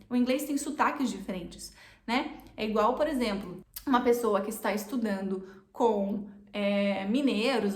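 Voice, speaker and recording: Brazilian woman teacher, chatty and repetitive, kinda high voice, echoey room. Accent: Brazilian Portuguese. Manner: chatty, repeats points for emphasis. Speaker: English teacher. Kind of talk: casual online lesson.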